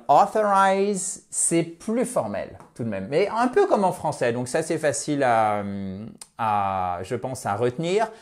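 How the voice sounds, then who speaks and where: Guy teaching english online, explains step by step, slows right down on the english words. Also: a little high, darkish tone. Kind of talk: online language lesson.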